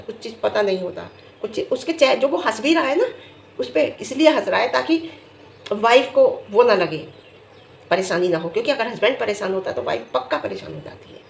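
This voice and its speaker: A middle-aged woman giving casual vlog commentary, emphatic and scolding, her voice jumping high when she gets indignant. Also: creaky, slight background noise. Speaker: vlogger reviewing family vlogs. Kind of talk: casual talking-head commentary.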